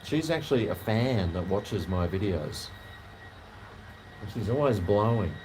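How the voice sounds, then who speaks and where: A man with a broad Kiwi accent and a lowish voice chats away like a casual vlogger. He rambles in a laid-back, slangy manner with some swearing, and there is clear noise behind him. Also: expressive, measured pace, a little mellow, rough recording. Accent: broad New Zealand. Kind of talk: casual rambling chat to camera. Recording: noticeable background noise.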